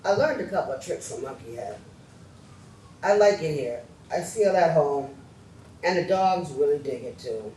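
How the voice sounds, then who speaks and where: High-voiced man on a distant stage. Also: lively intonation, moderate pace, a little mellow, a little hiss or hum. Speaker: stage performer. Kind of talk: community stage opera acting. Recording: roomy stage sound from far off, faint music.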